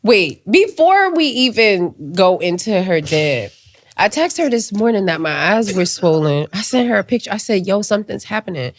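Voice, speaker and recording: Podcast co-host: young woman, mid-pitched, lively delivery, blunt and exasperated. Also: moderate pace. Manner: blunt, exasperated teasing, swears freely. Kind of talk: casual chat.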